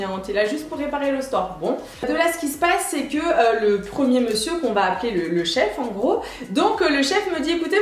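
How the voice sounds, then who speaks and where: A woman vlogger telling a casual story in her apartment, acting out each side of the dialogue. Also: fairly high pitch. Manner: animated, acts out both sides of the dialogue. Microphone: camera mic. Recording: roomy, echoey apartment room.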